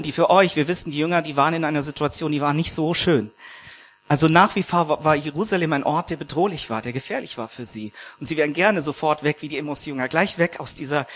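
A man's voice: fairly high pitch, fairly bright tone. Earnest German-speaking preacher man. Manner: earnest, searching, with fillers and restarts. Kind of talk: sermon.

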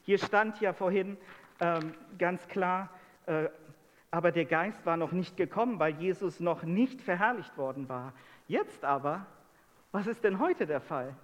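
A man with a high voice preaches a sermon, putting question after question to his listeners. His voice rings out with a long reverb in a church hall. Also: expressive, a little slow. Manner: asks the congregation many rhetorical questions.

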